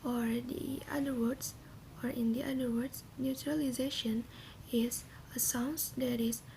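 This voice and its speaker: A young woman giving a class presentation in a soft, often half-whispered voice, hesitant with many pauses and restarts. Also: a little high, steady tone, creaky, slight background noise, low-quality recording. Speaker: student presenter.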